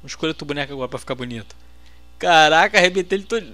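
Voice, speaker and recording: Excitable Brazilian man trash-talking a fighting game. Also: a little high, very fast, no room sound. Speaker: gameplay host. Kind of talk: let's-play commentary.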